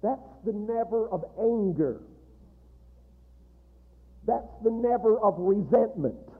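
High-voiced man preaching in a hall. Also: animated. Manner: emphatic, with dramatic pauses. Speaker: guest preacher. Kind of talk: sermon. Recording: echoey hall, tinny narrow sound.

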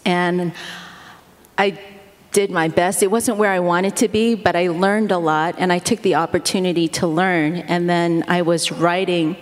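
Long hall reverb surrounds a fairly low, steady female voice speaking at a measured pace. The guest, a middle-aged woman born in the US whose first language is Korean, rambles through a casual interview, self-deprecating and full of fillers.

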